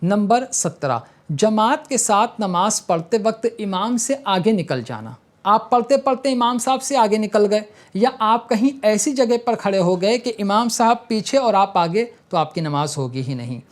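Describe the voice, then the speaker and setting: A man's voice: high-pitched, lively intonation. Man teaching prayer rules point by point. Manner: explains point by point, checks in with repeated okay; emphatic reminders to listen carefully. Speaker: religious teacher. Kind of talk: instructional lesson on prayer rules.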